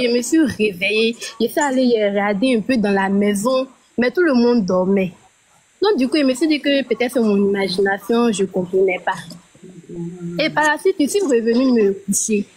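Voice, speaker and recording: A woman's voice: on the high side, darkish tone, rough recording. A woman calling in by phone, telling a story hesitantly and restarting her phrases. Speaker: caller.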